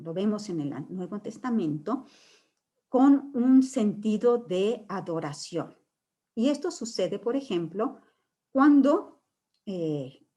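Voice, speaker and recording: A woman's voice: mid-range voice, mellow. A woman giving a catechesis talk, explaining scripture with frequent "eh" fillers and questions to her listeners. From Mexico.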